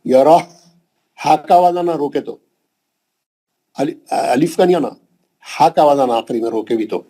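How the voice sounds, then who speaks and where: A man's voice: fairly high pitch, mellow. A middle-aged man with a Hyderabadi Urdu accent teaching Quran pronunciation in an online class, patiently repeating letters and correcting students. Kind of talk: online tajweed lesson, slow drilled recitation. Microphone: online class call.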